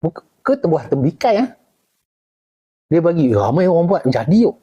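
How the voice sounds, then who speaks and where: In a casual live Q&A, a Malaysian man who is a retired army officer responds to viewers' questions at a moderate pace. His husky voice is animated and jumps high for emphasis, and he keeps asking "okay?" and "right?".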